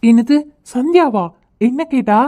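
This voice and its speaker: An injured young college man in an animated series, voiced by a woman, fending off everyone's questions. The tone is mellow and warm, with short, defensive replies. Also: mid-range voice, a little fast, close to an everyday voice. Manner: defensive, curt. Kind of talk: cartoon voice acting.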